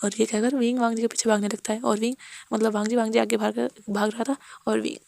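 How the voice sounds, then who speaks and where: Fast, gravelly woman storyteller. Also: fairly high pitch, level tone, darkish tone, slight background noise. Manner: rambling, self-correcting. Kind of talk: casual fan fiction narration.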